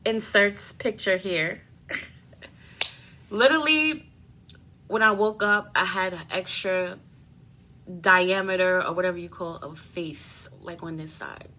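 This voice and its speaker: A young adult woman telling a personal story in a casual, animated way, swearing freely and using lots of fillers. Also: on the low side, slow, long pauses. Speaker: beauty vlogger.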